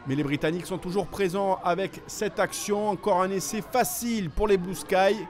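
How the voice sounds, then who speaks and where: A man giving excited sports commentary, calling the play as it happens with urgency on each attack. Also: high voice, moderate pace.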